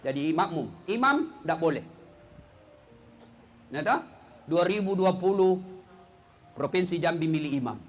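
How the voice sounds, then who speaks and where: A man from South Sulawesi giving a humorous sermon, joking and acting out characters, dropping low for punchlines. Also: animated, unhurried, long pauses, a little hiss or hum. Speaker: preacher.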